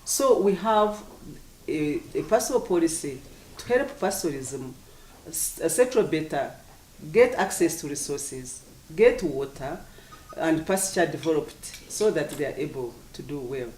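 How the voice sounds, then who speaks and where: An African-accented official of medium pitch gives formal, explanatory interview answers, heard at a distance in an echoey room. The delivery is deliberate, and key words get repeated for emphasis. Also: lively intonation, a little mellow, a little hiss or hum. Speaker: government official, agriculture commissioner.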